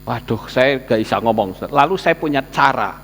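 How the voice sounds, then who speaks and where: A male pastor with a Javanese accent delivering a storytelling sermon in an animated manner, acting out the people he describes. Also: mid-range voice, normal speed, a little hiss or hum. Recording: long hall reverb.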